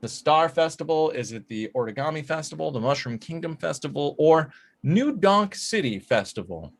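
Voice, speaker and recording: A man's voice: fairly high pitch, animated, moderate pace, slight background noise. A man hosting an online trivia show, announcing answers and leaderboard standings in an upbeat, chatty way. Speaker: trivia host. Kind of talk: announcing quiz results and leaderboard.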